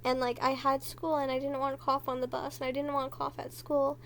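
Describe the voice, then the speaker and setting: A woman's voice: high-pitched, level tone, fairly quick, a little hiss or hum. A teenage girl vlogger chatting casually and rambling, with plenty of fillers. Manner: rambling, talking freely with frequent fillers; quiet and hushed near the end, trying not to be overheard. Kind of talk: casual chat.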